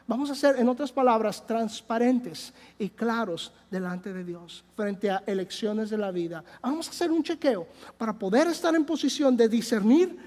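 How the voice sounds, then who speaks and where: A man's voice: sits high, darkish tone. A man, preaching a sermon as pastor in a conversational way, telling personal stories with frequent hesitations. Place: church sanctuary. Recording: long church reverb.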